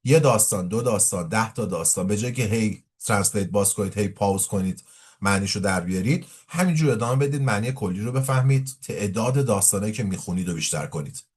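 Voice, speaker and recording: A man teaching English, reading a story slowly aloud and explaining it quickly in Persian. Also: on the low side, expressive, a little mellow, husky.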